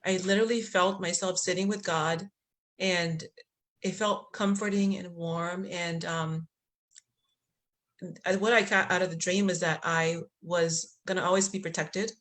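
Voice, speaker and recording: A Liberian woman, a guest on a podcast, reflectively tells a spiritual story in a conversational interview, using many fillers. Her voice is fairly low and a bit bright, with fairly even intonation and an unhurried pace.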